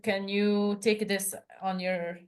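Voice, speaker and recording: A woman tutors a single student over a video call. She explains patiently, pausing often with fillers and restarting her sentences. Her voice sits at an everyday middle pitch. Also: flat delivery. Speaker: French tutor. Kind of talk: online one-to-one lesson.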